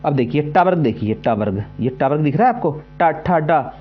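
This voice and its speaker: A man teaching an exam-prep lesson, repeating himself often and slowly sounding out syllables to demonstrate them. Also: fairly high pitch, lively intonation, highs cut off, faint music behind. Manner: repetitive, keeps asking "है ना" and "ठीक है".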